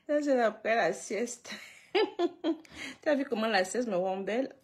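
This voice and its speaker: A woman's voice: high voice, a little mellow, breathy edge. A woman hosting a casual live stream, greeting viewers one by one, repeating herself and laughing often between lines.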